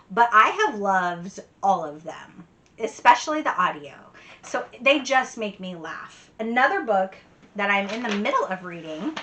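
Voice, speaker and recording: A woman book vlogger answers tag questions in a casual chat to camera, enthusiastic and giggly, repeating things for emphasis. Her mid-range voice sounds pushed and bright.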